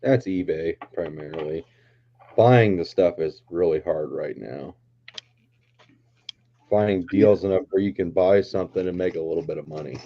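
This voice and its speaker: A man's voice: deep voice, moderate pace, long pauses. A man in his late twenties hosting a casual chat show, joking and swearing freely with his friends. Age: 20s. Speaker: podcast host. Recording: dull lo-fi sound with faint noise.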